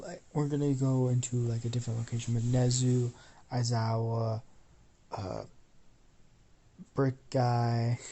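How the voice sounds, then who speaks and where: A man's voice: medium pitch, gravelly, mellow. A sleepy young man rambling as he narrates a fan-fiction story, full of fillers and restarts.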